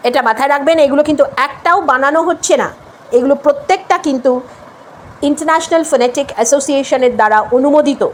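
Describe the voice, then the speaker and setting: A woman with a Bengali accent who teaches English pronunciation and repeats each word, then models the correct form slowly. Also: high voice, slight background noise. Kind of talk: spoken English lesson.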